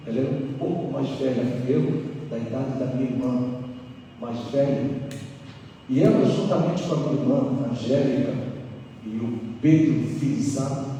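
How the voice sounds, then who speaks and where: Speaking in a medium-pitched, dark-toned voice, an Angolan man in his sixties with a Brazilian accent leads a seminar as a pastor, chatting with his church-hall audience, telling stories from his own life and speaking to them directly. The recording has a distant mic, faint noise, and plenty of hall echo.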